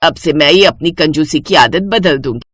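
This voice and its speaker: A woman voicing a stingy elderly mother-in-law in a storybook tale, in a lower, complaining voice. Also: animated, moderate pace, fairly bright tone, husky, dry recording, clean studio sound, exaggerated voice. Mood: pleading. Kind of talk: storybook voice acting.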